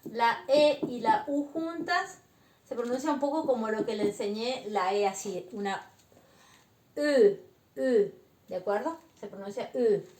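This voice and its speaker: A woman teaching beginner French, explaining slowly and patiently and often checking that her students follow. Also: on the high side, a little mellow, echoey room. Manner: slow, patient explaining with frequent check-ins. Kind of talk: beginner language lesson.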